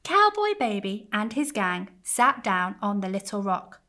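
A woman, a church families coordinator, gently and expressively reading a children's story aloud. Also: mid-range voice, big pitch swings, measured pace.

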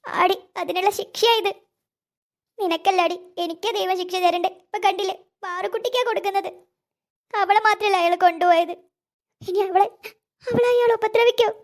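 Scared little cartoon girls, in a very high, piping voice. They chatter in an anxious, fretful way. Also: steady tone, moderate pace, pauses often. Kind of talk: cartoon voice acting.

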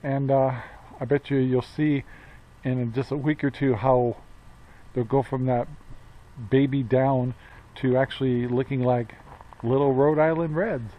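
A man's voice: mid-range voice, steady tone, unhurried, long pauses. Older guy in his 60s vlogging outside by his barn, lots of uhs, kinda muffled camera sound. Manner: rambling, many fillers and restarts. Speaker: homestead vlogger. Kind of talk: casual chat to camera. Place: outdoors by a metal barn. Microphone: action camera at arm's length.

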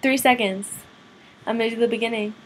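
A young woman answering viewer questions in a casual vlog, rambling and self-deprecating, with lots of ums and quick apologies. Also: on the high side, fairly even intonation, breathy edge, poor audio. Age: young adult.

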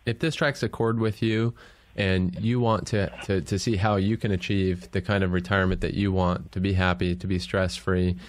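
A man hosting a radio interview, talking in a relaxed way with many fillers. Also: low voice, moderate pace, dry recording. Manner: relaxed, filler-heavy conversational delivery. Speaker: radio show host.

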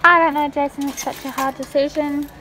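Holding her phone at arm's length, a young Australian woman chats to her viewers, calling them "guys," in a casual vlog shot in a store and a car. She has a high voice with a flat delivery and talks a little fast. There's noise in the background.

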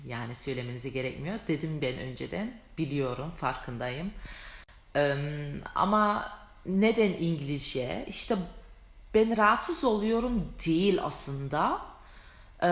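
Slow chatty woman doing a pronunciation vlog lesson, drawn-out sounds, roomy echo. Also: on the low side. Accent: non-native Turkish, foreign-tinged. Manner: chatty, self-deprecating, demonstrates sounds with exaggerated mouth shapes. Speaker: English pronunciation teacher. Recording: echoey room.

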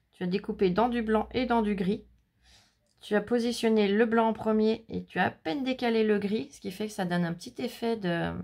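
This scrapbooking vlogger speaks in a mid-range, slightly mellow voice with vocal fry. During a casual unboxing chat she admires handmade bookmarks one by one, gushing and detailing the craft of each.

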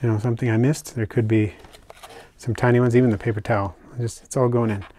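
An older man casually narrating a hobby vlog as he unpacks and shows his isopod purchases, talking in a relaxed, chatty way with fillers and soft asides. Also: mid-range voice, fast. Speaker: isopod keeper unboxing purchases. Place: indoors at a table, hands on camera.

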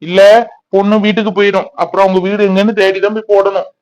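A man's voice: high-pitched, level tone, fast talker, dry recording, close to an everyday voice. A man voicing a teasing, affectionate young husband in a cartoon, hurrying his wife along.

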